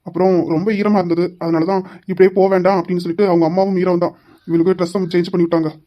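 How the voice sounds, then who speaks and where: A woman's voice: lowish voice, flat delivery, rapid-fire, highs cut off, natural voice. A woman voicing a stern young husband who is a police officer, firm and lecturing, in an amateur family drama. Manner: firm, lecturing, shouts for his wife.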